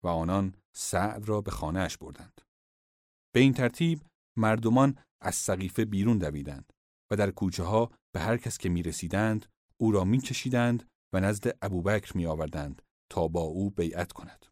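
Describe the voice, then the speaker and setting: A man giving formal, measured scripted narration of religious history. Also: sits low, animated, a little mellow, no room sound, clean studio sound.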